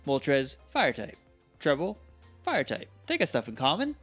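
A man's voice: a little high, wildly swooping pitch, unhurried, fairly bright tone, slightly rough, soft background music. A man playing a tabletop role-playing game, chatting casually and joking often. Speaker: player.

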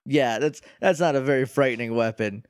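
A man's voice: mid-range voice, fairly quick, a little hiss or hum. A man co-hosting a podcast, joking and laughing often in casual chat. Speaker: podcast co-host.

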